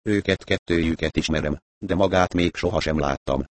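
A man's voice: low-pitched, dry recording, close to an everyday voice. A man reading a blunt, nosy old woman.

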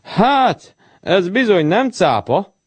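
A man's voice: high-pitched, sing-song, slightly rough, no room sound, voice pushed up, heavily acted. A man voicing a bossy, teasing young male animal friend in a storybook, speaking in a mocking, playful way.

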